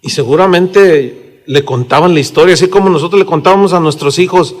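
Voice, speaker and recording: A man in his sixties with a Mexican accent, preaching a sermon in a relaxed, conversational way, with fillers and tag questions. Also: a little high, a little fast. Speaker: pastor. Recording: reverberant hall.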